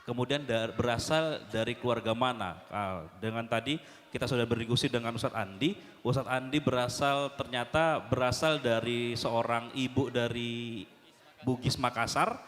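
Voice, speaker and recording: A man's voice: mid-range voice, fairly bright tone. A man moderating a casual talk show, chatty and full of fillers. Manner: chatty, many fillers, brisk asides. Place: mosque hall. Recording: long hall reverb.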